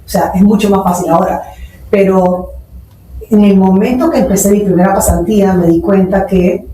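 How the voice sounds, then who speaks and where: A Nicaraguan guest entrepreneur in her forties speaks at normal speed on a podcast, her medium-pitched voice dark and fairly even in intonation. She tells anecdotes earnestly and code-switches into English terms, recorded on a distant mic in an echoey room with slight background noise.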